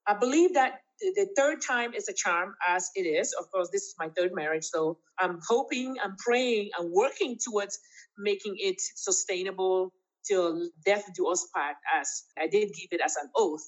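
Woman, 50s, interview guest. Emphatic, laughing delivery; slightly dull recording. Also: moderate pace. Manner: emphatic and laughing, swoops up in pitch. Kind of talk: casual interview chat.

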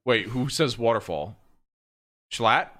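A man talks in a loose, joking way, peppering his speech with swearing. His voice is bright and forceful, with pitch that swings widely. He sounds animated throughout. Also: slow. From New York. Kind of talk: casual chat.

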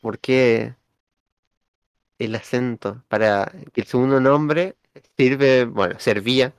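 A man's voice: mid-range voice, takes it slowly, smooth, no echo, studio quality. A man with a Chilean accent co-hosting a casual chat, rambling and tripping over words as he reads aloud. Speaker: podcast co-host.

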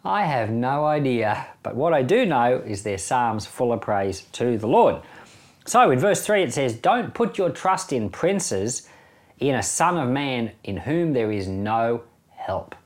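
This middle-aged pastor with an Australian accent talks through the Bible informally on his podcast, plain-spoken and conversational, laughing lightly at times. His medium-pitched voice is very animated and his pace is measured.

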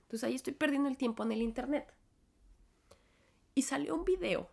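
A woman's voice: high-pitched, brisk, vocal fry. A young woman with a Mexican accent and a cold, hosting a reflective solo podcast and talking in a chatty, self-interrupting way. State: has a cold and a cough. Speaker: podcast host.

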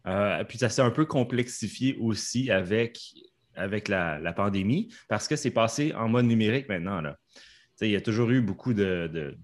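A man's voice: on the low side, expressive, normal speed. A man, an interpreter explaining his work in a casual, hesitant way with many fillers. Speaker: conference interpreter.

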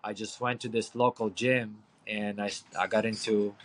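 A man's voice: fairly low pitch, little pitch movement, normal speed, fairly bright tone, poor audio. A man in his thirties from Ukraine, speaking English with a Ukrainian accent, rambling casually with fillers as a guest on a podcast. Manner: rambling, frequent fillers and profanity. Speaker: guest, boxing coach. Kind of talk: casual interview.

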